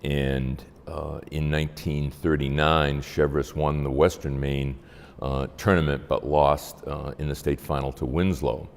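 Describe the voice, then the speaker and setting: An older man, reminiscing in a halting, measured way with frequent pauses. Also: very deep voice, little pitch movement, creaky. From Massachusetts, United States. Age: 70s or older. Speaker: interviewee. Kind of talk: oral history reminiscence. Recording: long hall-like reverb.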